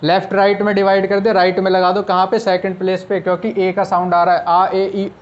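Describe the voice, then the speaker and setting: A man's voice: sits high, completely flat delivery, a little fast, dull audio. A man teaching shorthand, explaining step by step with rhetorical questions he answers himself. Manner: patient, asks rhetorical questions and answers them. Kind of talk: explaining step by step in an online class.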